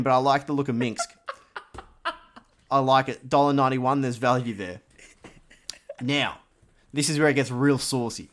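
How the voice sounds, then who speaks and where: An Australian man with a mid-pitched voice delivers jokey betting tips as a podcast host. He talks in loud, matey lad banter, pushing each pick with mock drama and heavy emphasis.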